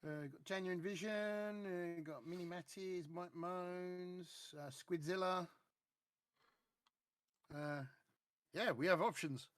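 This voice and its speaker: A man's voice: sits high, takes it slowly, pauses often, a bit bright, clean tone, no echo. A man, a guest streamer, chatting casually and hesitantly, with many stammered restarts and filler sounds. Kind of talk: casual live-stream chat.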